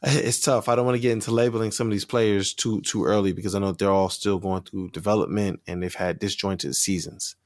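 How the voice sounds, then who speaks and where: Low-voiced man, hesitant podcast guest. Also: steady tone, normal speed, a little mellow, no echo, clean studio sound. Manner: hesitant, many fillers and repeats. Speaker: podcast guest, sports media member. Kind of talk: casual sports podcast chat.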